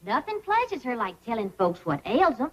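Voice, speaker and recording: High-voiced young country girl. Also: big pitch swings, moderate pace, husky. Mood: cheerful, guileless. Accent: rural Southern US. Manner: guileless, folksy. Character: cheerful, naive young backwoods country girl. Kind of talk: television sitcom acting. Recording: dull sound, noisy with audience.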